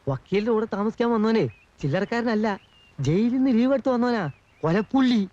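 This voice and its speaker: An actor playing a jittery, gossiping household helper in a 1980s film drama, fussy and anxious. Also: male voice, high-pitched, animated, a little fast, darkish tone, highs cut off. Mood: whispering gossip.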